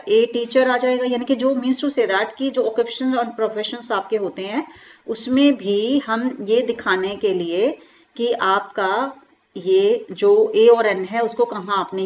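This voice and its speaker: A woman teaching English grammar in a lecture, asking rhetorical questions and slowly spelling out words. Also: mid-range voice, highs cut off. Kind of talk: classroom lecture explaining grammar.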